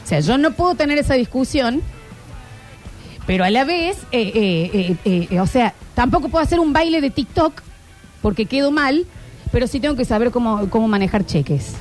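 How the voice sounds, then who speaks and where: A woman in her thirties with an Argentine accent, hosting a casual chat and telling stories in an animated way with many filler sounds. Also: on the high side, normal speed, soft background music. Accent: Argentine Spanish. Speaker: streaming show host.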